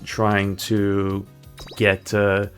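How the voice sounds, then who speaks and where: A man's voice: lowish voice, completely flat delivery, extremely slow, a bit bright, smooth. A man streaming a video game, chatting casually and rambling through his choices with playful asides. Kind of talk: casual gameplay commentary. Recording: background game music.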